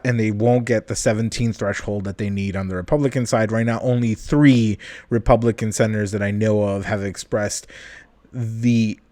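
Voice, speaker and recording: A man's voice: mid-range voice, darkish tone, no echo. A man hosting a casual political podcast, loose and laughing often, with casual swearing. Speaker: podcast host.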